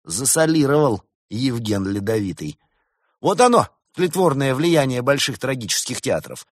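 A man's voice: medium pitch, very animated, normal speed, no echo, studio quality, voice pushed up. A man doing a sarcastic, wisecracking cat. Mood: mocking. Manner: ironic, mocking.

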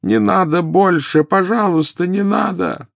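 A man voicing an elderly male wizard in agony, wailing and begging in a high, strained voice, in an audiobook. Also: unhurried, creaky, dry recording, studio quality. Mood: anguished pleading. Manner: wailing, pleading, shrieking high. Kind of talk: audiobook character voice.

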